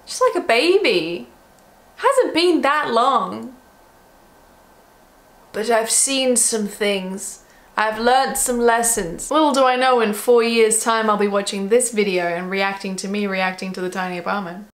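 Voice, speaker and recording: A woman's voice: fairly high pitch, unhurried. A woman with an Australian accent chatting casually and rambling in a self-mocking way as she reacts to an old video of herself. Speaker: vlogger.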